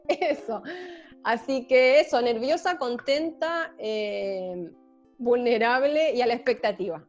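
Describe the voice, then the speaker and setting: Chatty Chilean woman, slightly high voice. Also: sing-song. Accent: Chilean Spanish. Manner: chatty and self-deprecating, many fillers, quick asides. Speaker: band member introducing herself. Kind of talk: casual group chat. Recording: slightly muffled, faint guitar music behind.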